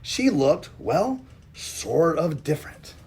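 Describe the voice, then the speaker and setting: A man reading a children's storybook aloud in an expressive way. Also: fairly high pitch, slow pace, husky. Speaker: storybook reader.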